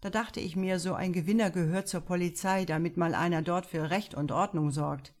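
A woman's voice: lowish voice, fairly even intonation, moderate pace, darkish tone, natural voice. Woman reading a cocky, self-mocking cop. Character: male police officer Lukas, cocky but disillusioned. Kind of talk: audiobook dialogue reading.

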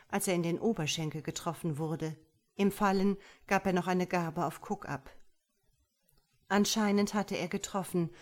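A woman reading a thriller audiobook in steady, measured scripted narration. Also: fairly low pitch.

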